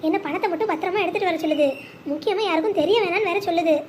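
A woman playing a nervous village husband in a cartoon, voiced unusually high and brisk. He keeps his voice low and secretive, full of worry. A faint hiss sits under the voice. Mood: hushed. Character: anxious middle-aged village husband, cautious and secretive. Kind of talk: animated storytelling.

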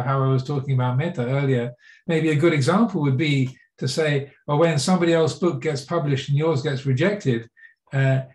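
A man in his sixties with an English accent, a Buddhist monk giving a dharma talk, halting with many fillers and restarts. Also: mid-range voice. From England. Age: 60s. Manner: halting, many fillers and restarts, gentle self-mocking laughs. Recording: roomy echo.

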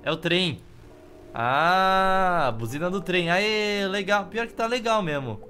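A man's voice: sits high, expressive, slow, sharp tone. A Brazilian man casually commentating a video game as he plays, with wry, offhand humour. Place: indoor room. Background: game music.

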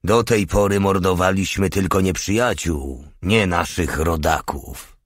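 Brief: man reading a deep-voiced, reproachful veteran sergeant, close and dry. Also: unhurried, dry recording. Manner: reproachful, lecturing. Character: stern older male sergeant, indignant.

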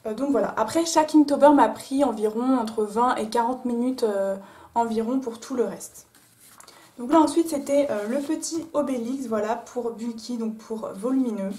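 A woman's voice: on the high side, normal speed, mellow. Chatty woman in an echoey room. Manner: chatty, many fillers like euh and voilà. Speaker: artist presenting her drawings. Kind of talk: casual chat.

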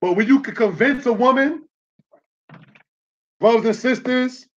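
Male street preacher, high voice, muffled low-fi sound, keeps asking "you understand?". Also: unhurried. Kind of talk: religious teaching.

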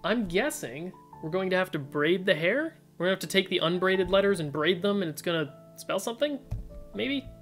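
A young man streams from his desk indoors, casually thinking out loud while he works through puzzles and reads viewers' suggestions from chat. His voice is high and fairly bright, with lively intonation and a slightly quick pace, and faint music plays behind him. He muses tentatively as he reads the chat ideas aloud.

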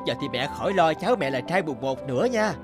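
A man playing a young cartoon husband, lively higher voice, reasoning, loud music behind. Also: fast, natural voice. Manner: reasoning, gently pleading. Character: patient young husband and son.

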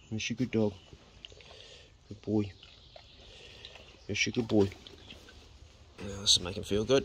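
A homesteading vlogger from New Zealand, middle-aged, chats through his jobs on a rural homestead and in the bush while encouraging his dog with "good boy" and "mate," relaxed and practical throughout. He has a mid-range voice, and his body-worn action camera picks up slight background noise.

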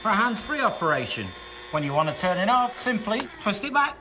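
Upbeat middle-aged husband, emphatic hard-sell ad pitch, faint background noise. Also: male voice, sing-song, brisk. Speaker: infomercial co-host. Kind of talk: hard sell ad, scripted demonstration. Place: studio kitchen set.

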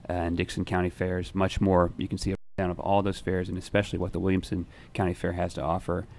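A young man in his twenties hosting a casual newsroom chat at a desk microphone, relaxed and rambling, with many fillers and restarts. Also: sits low, fast, slight background noise. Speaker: music writer and show host. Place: newsroom studio.

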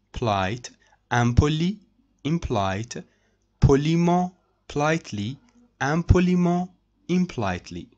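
A man's voice: medium pitch, darkish tone. A man teaching French over a screen recording, repeating each phrase and translating it. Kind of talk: screen-share language lesson.

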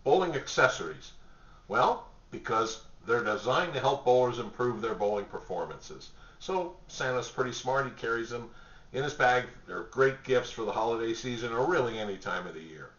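A middle-aged man pitching gift products to the camera from a small home office, relaxed and rambling with many fillers. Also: normal speed. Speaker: store spokesman presenting products. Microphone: webcam at desk distance. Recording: roomy, distant, dull webcam audio.

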